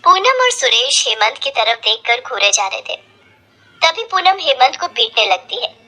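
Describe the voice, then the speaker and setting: A woman narrating a cartoon story in a steady storytelling manner. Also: sits high, moderate pace.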